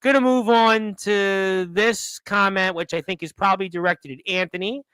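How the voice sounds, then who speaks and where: A man hosts a wrestling radio show in a high, bright, forceful voice that is also clear and resonant, keeping a steady tone at a normal speed. He chats casually, reading viewer comments aloud and reacting as they arrive. The sound is dry and close with no echo, though the audio quality is poor.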